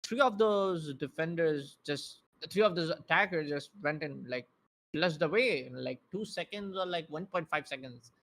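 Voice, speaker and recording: A man calling a live shooter-game match as play-by-play caster, excitable and quick, with lots of fillers and restarts. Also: fairly high pitch. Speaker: esports caster.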